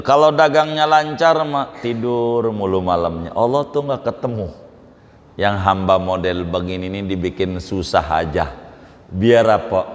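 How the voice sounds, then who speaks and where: Slow-talking preacher man in a hall. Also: lowish voice. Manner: lively and conversational, swings between loud rises and soft drops. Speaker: Islamic preacher. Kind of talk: sermon. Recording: long hall reverb.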